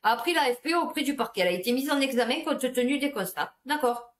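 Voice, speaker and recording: A woman's voice: sits high, lively intonation, fast talker, a little hiss or hum. Chatty woman in an echoey room. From Marseille. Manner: chatty, slangy, reacts aloud while reading. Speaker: host reading local news. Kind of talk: casual commentary on news items.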